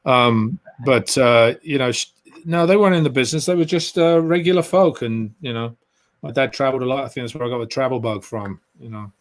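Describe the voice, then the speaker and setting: A man with an English accent, a guest actor telling stories in a relaxed interview, rambling and filling his talk with "you know". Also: mid-range voice, brisk. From England.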